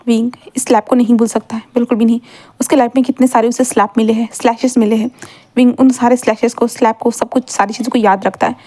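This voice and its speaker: A woman's voice: on the high side, little pitch movement, quick pace, warm tone. A woman retelling a fan fiction story in a rambling way, repeating linking phrases.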